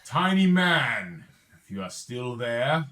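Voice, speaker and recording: A man voicing an elderly male frost giant who speaks slowly and formally and wants to die in battle. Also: medium pitch, sing-song, bright, forceful tone, pitched above the performer's own voice, full character voice, poor audio. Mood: solemn.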